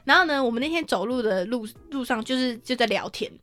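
A woman's voice: on the high side, expressive, fast, a bit bright, soft background music. A woman with a Taiwanese Mandarin accent, animatedly telling a story on a casual podcast, swearing often and acting out what people said. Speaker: podcast co-host.

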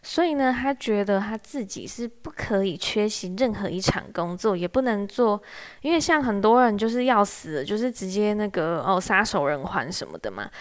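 A young woman, telling a story in a casual monologue. Her voice sits at an ordinary middle pitch. She sounds wry and exasperated, and she acts out the lines of the people in her story. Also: normal speed. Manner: animated, wry and exasperated, acts out quoted speech. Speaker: office worker telling a story.

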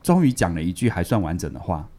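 Podcast co-host, man; low, animated delivery, storytelling. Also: fast. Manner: animated, repeats words, laughs while telling. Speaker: podcast co-host reviewing a book. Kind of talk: casual storytelling chat.

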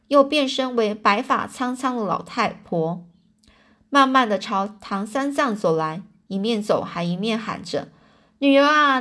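A woman's voice: a little high, fairly bright tone. Chatty woman narrating a children's story. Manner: explains words, chatty fillers.

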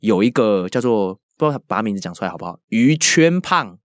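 A man with a Taiwanese Mandarin accent hosts a casual chat in a joking way. His pitch moves around a lot and he talks quickly, recorded close and dry. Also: dry recording. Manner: animated, joking. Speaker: podcast host. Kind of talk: casual chat about baseball news.

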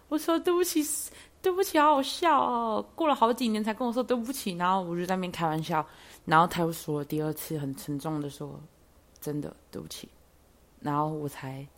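A young woman tells a personal story on her podcast in a chatty, rambling way. Her voice sits low for a woman, and she leans on fillers as she goes. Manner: chatty, lots of fillers, animated when excited. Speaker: podcast host.

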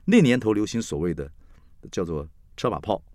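A man, telling a comic story in a chatty, playful way with lively asides. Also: lowish voice, normal speed, no room sound, clean studio sound. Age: 60s. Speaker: storyteller host.

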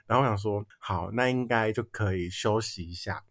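A man's voice: fairly low pitch, normal speed. A young man with a Taiwanese Mandarin accent, hosting a casual podcast chat and complaining with lots of laughter. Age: young adult. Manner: animated, complaining, frequent laughter. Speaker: podcast host.

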